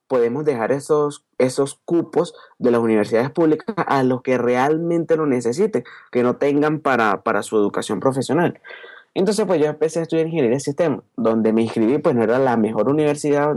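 A young man in his twenties with a Venezuelan accent, answering interview questions over a remote call. He talks casually, hesitates often and keeps checking in with a quick 'ok?'. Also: mid-range voice, darkish tone. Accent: Venezuelan Spanish. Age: 20s. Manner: conversational, tags phrases with 'ok?', frequent hesitations. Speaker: interview guest, podcast listener. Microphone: remote call over Skype.

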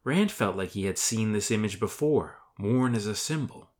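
A man's voice: lowish voice, lively intonation, moderate pace, darkish tone. A man narrating an audio fantasy serial in a dramatic storytelling voice. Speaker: writer and narrator. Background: music.

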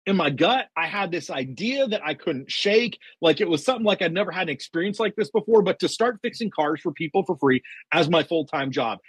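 Man, husky voice, high pitch, earnest faith testimony, dry recording. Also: a little fast, dry recording. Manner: earnest storytelling, quotes himself and God; many fillers and restarts, excited. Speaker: podcast guest.

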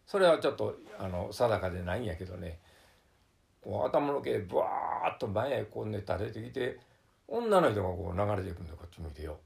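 An older man with a strong Kansai Japanese accent and a deeply gravelly voice recounts his survival in an oral-history testimony. His pitch moves around a lot, and he tells the story vividly, with sound words and many fillers. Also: very animated, brisk. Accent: Kansai Japanese, Wakayama dialect.

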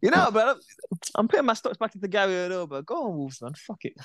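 A young man with a London roadman accent bantering casually about football in a slangy, animated, sweary way. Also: high voice, fast talker, no echo, studio quality. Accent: London, urban roadman slang. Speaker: football podcast co-host.

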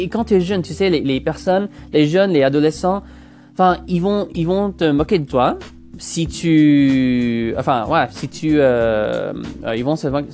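This podcast host, a Canadian in his twenties, has a fairly high, slightly mellow voice and a France-style, Parisian French accent learned in France. Hosting his casual solo show, he rambles hesitantly and keeps starting phrases over.

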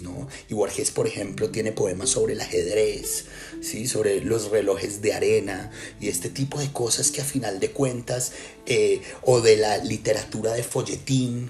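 A man from Colombia with a Colombian accent, a writer and lecturer musing in a casual, thoughtful way with many pauses and restarts. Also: lowish voice. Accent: Colombian Spanish. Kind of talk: casual reflective talk. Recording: music clearly behind.

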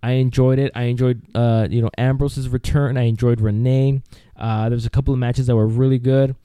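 A man's voice: medium pitch, little pitch movement, a little fast, dark tone, clean tone, no echo. A man co-hosting a wrestling podcast, talking loosely and rambling, with "dude" dropped in often. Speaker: podcast co-host. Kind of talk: casual wrestling podcast chat.

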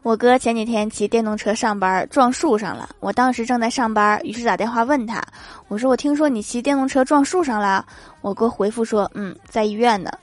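A woman's voice: a little high, fairly quick. Upbeat young woman telling jokes. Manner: upbeat, chuckles at her own punchlines. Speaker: host of a joke show. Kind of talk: comedic joke storytelling.

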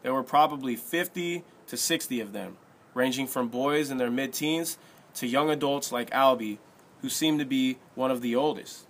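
A man reading an audiobook as narrator in a steady, even storytelling manner. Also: medium pitch, moderate pace.

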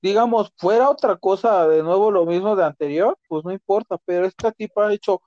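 Young man, Mexican accent, high voice, dark tone, dull lo-fi dry sound, crude slangy stories. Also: a little fast, dry recording. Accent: Mexican Spanish. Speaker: co-host. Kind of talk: casual chat.

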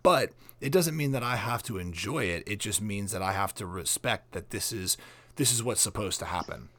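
Low-voiced opinionated man chatting music. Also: lively intonation, normal speed, sharp tone. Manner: opinionated, swears casually, detailed music-collector talk. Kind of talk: casual chat.

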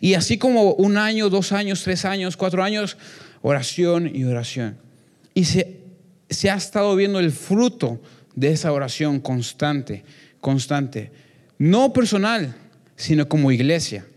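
A man's voice: sits high, lively intonation, measured pace, darkish tone. A young man preaching a sermon to a congregation, earnest and repetitive, often restarting his phrases. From Mexico. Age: young adult.

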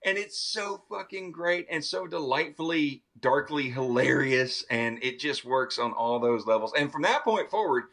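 Man, podcast host, casual film chat, enthusiastic, swears freely, mid-pitched voice. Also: normal speed, vocal fry, hardly any pauses, a bit bright. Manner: enthusiastic, profane, retells scenes. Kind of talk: casual movie review chat.

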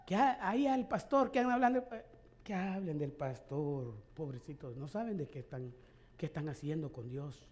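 A man's voice: fairly high pitch, expressive, normal speed, a little mellow. A male pastor in middle age preaching a sermon in a conversational way, with rhetorical questions and light chuckles.

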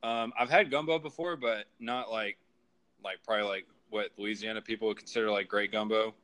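A man's voice: lowish voice, fairly even intonation, a little fast, fairly bright tone, low-quality recording. A young man, a guest on a casual sports podcast, talking in a chatty way with lots of "like.".

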